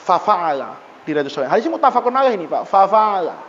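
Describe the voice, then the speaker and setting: A man preaching a lively mosque sermon on a classical text, telling stories and acting out voices, often addressing his listeners directly. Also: fairly quick, slight background noise. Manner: animated, swings between loud exclaiming and soft low narration. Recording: dull lo-fi audio with long hall reverb.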